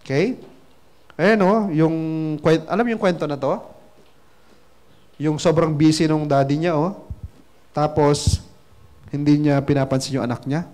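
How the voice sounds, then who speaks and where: A man's voice: fairly high pitch, darkish tone. A man, a business mentor giving a motivational seminar in chatty Taglish, often checking in with the audience. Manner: chatty Taglish, constant tag questions to the audience.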